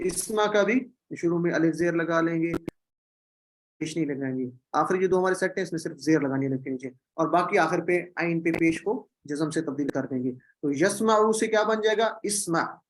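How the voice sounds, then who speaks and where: A man's voice: sits high, poor audio. A man teaching Quranic Arabic in an online class, patiently drilling and repeating word patterns. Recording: video call audio.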